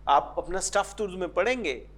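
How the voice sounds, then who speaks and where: A man's voice: high voice, lively intonation, fairly bright tone. A man with a Pakistani accent, a guest English teacher answering interview questions and mixing English phrases into his talk. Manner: mixes English phrases into Urdu, explanatory.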